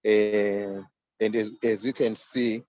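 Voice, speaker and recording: A man's voice: lowish voice, flat delivery, slow, a little mellow, dry recording. A man from Zimbabwe, a guest activist, explaining things step by step on a video call. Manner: explanatory, with restarts. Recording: dull, muffled video call audio.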